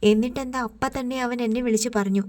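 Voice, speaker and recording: A woman voicing a gentle, puzzled young man who speaks hesitantly and jokes mildly in an audiobook. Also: a little high, steady tone, fast talker, close to an everyday voice.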